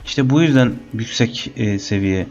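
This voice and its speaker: A young man casually narrating his own gameplay, chatty and teasing the creatures on screen, getting excited during fights. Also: medium pitch, a little slow, lo-fi sound. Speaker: gaming channel host. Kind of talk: casual let's-play commentary.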